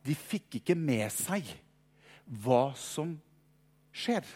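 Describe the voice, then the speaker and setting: A man with a high voice preaches a sermon. He tells the story with feeling, acting out voices and repeating words as he builds. His voice rings out with a long reverb, as in a large hall. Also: big pitch swings, darkish tone.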